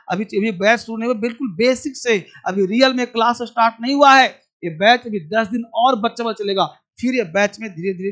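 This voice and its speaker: A man's voice: high-pitched, a bit bright. A man teaching English in a classroom. He chants verb forms in rhythm and repeats each point. He keeps asking the class questions and answers them himself. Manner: drills verb forms aloud, asks and answers his own questions. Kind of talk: classroom lesson.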